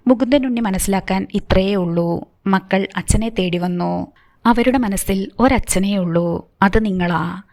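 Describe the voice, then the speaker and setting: A woman voicing a calm, authoritative middle-aged man who speaks gently and reassuringly, in an audiobook. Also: medium pitch, a little slow, lightly acted.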